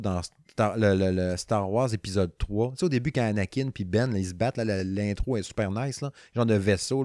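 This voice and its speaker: Young man, Quebec French accent, excitable game reviewer, rambling slangy chat, dry close sound. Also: medium pitch, no room sound. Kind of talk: casual gaming chat.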